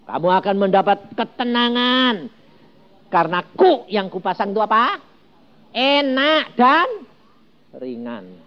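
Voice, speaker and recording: A man preaching a sermon, animated and firing rhetorical questions at the congregation. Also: high voice, unhurried, long pauses, clean tone, muffled recording. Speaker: pastor.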